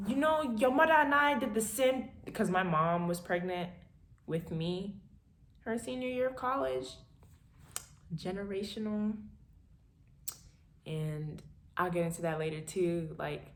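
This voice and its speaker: A young woman in her twenties vlogging, telling a story in a lively, animated way with bursts of laughter. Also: fairly low pitch, roomy sound. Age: 20s. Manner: animated, laughing, acting out her dad's lines. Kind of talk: casual storytelling.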